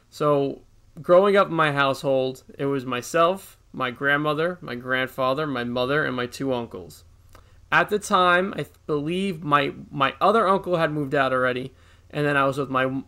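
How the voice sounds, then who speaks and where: Bright-voiced man telling profane stories. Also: mid-range voice, clean tone. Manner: animated, profane anecdotes with acted-out quotes. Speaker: podcast co-host. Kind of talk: casual storytelling chat.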